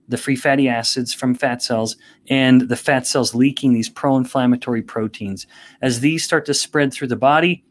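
Guy on a podcast explaining stuff slowly and carefully, middle pitch. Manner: measured, explanatory. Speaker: guest expert. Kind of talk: podcast interview.

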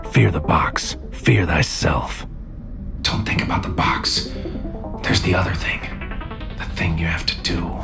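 A man voices a paranoid, brooding hitman in a surreal audio drama, giving a slow, poetic inner monologue with a low-pitched voice. His scripted, noir-style narration often sinks into whispers, with music playing beneath him.

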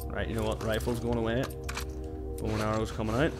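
A man's voice: on the low side, monotone, fast. A young man doing casual gameplay commentary, rambling to himself with crude jokes. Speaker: game streamer. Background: game music and sound.

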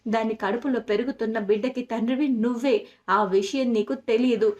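Woman reading an angry protective mother, forceful, fairly high voice. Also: fairly even intonation, fairly quick, close to an everyday voice. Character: fierce protective middle-aged mother.

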